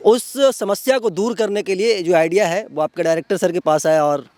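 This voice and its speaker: A man's voice: sits high, fairly quick, darkish tone. A man working as a local news reporter and host, interviewing on location at a school in a formal manner and murmuring frequent acknowledgments. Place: school campus.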